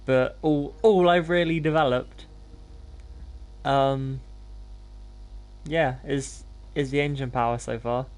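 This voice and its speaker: Bloke streaming a racing game, laid-back casual chat, takes the mick out of himself a bit. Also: male voice, mid-range voice, fairly even intonation, takes it slowly, long pauses. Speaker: live streamer hosting gameplay. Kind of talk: casual livestream chat and gaming commentary.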